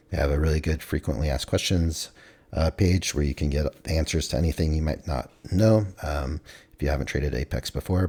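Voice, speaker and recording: A slightly hoarse man casually recapping his trades at his computer in a matter-of-fact way, thinking aloud as he goes. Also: rumbling low, warm tone.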